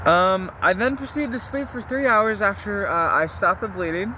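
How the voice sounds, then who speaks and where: This time the vlogger's voice sits high and moves at a normal speed, with background noise throughout. He's a young adult man talking confessionally in his spoken diary, loose and rambling, peppered with slang and the odd mild curse.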